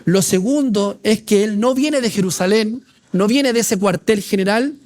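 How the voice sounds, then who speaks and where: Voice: medium pitch, normal speed, a little mellow. Study teacher. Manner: explanatory, reads verses aloud, asks rhetorical questions, tags with "¿cierto?". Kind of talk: Bible class lecture.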